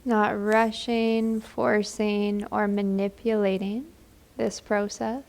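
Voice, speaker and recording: A woman with a creaky, mid-range voice leads a guided meditation at a very slow pace. She sounds gentle and soothing, and her delivery is flat, barely rising or falling.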